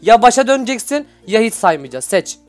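A man's voice: sits high, very animated, fairly quick, soft background music. A young man hosting a casual Minecraft gameplay video, teasing and bossing his playmate, laughing often and turning to talk to his viewers. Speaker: gaming channel host.

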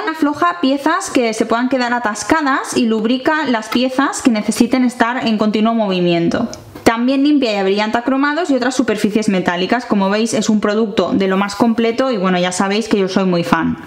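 A woman in her thirties from Spain with a Peninsular Spanish accent, presenting a home how-to tutorial in a kitchen and explaining each step to viewers. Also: fairly high pitch. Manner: friendly, explanatory, addresses viewers directly. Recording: echoey tiled kitchen.

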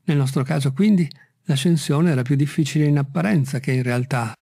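Un uomo che legge ad alta voce un racconto, con una narrazione misurata e letteraria. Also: male voice, medium pitch, vocal fry, dark tone, no echo, clean studio sound. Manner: measured, literary reading. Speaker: audiobook reader. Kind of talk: scripted narration.

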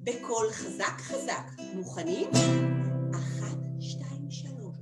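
A woman's voice: a little high, lively intonation. A woman performing for children, singing and talking playfully and coaxing the kids to join in. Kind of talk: sung and spoken children's show. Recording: echoey room with soft guitar. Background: guitar.

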